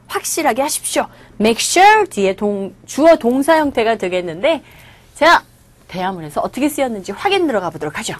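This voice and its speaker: Woman teaching english, bouncy playful drills, high voice, dry close mic. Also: no echo. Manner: lively, drills phrases with playful emphasis. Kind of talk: spoken English lesson.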